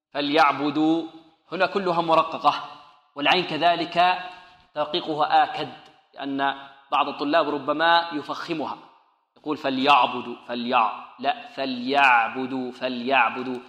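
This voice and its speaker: A man teaching Quran recitation rules, asking questions and answering them himself, and slowly demonstrating each sound. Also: on the high side, a bit bright, reverberant, big-room sound. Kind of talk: tajweed lesson with students repeating.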